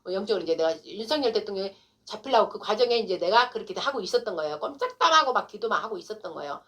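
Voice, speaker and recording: A woman's voice: medium pitch, expressive, very fast, fairly bright tone. A middle-aged woman pastor telling an emotional testimony in a sermon, acting out her own prayers and arguments.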